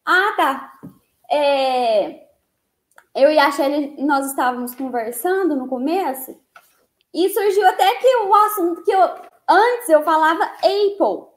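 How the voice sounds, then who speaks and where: High, unhurried woman teacher from Brazil; patient repeater, roomy echo. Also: animated. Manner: explains slowly, repeats words, checks in with tá? and ok?. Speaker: English teacher. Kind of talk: live online English lesson.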